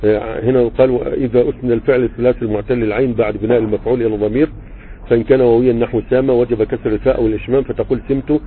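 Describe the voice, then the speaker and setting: An Egyptian Arabic-accented man, a religious teacher, gives an online grammar lesson, reading a text aloud and explaining it conversationally. His husky, mid-range voice moves at a racing pace with fairly even intonation, and he often checks that his students are following. The audio sounds tinny, like a phone.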